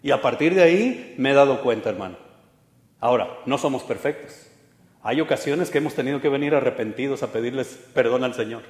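A man's voice: mid-range voice, lively intonation, brisk. A man preaching a sermon in a conversational, storytelling way with humorous asides. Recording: echoey hall with long reverb.

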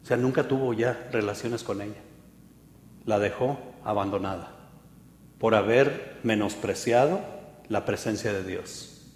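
A man's voice: fairly low pitch, unhurried, long pauses. A male pastor preaching a conversational sermon in a church hall, often asking listeners for agreement. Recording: echoey hall.

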